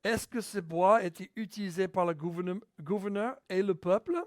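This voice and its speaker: A man preaching a sermon in French, speaking English natively, restarting words and building to near-shouting on key points. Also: high voice, moderate pace, no echo, studio quality. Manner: restarts words mid-sentence. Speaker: pastor.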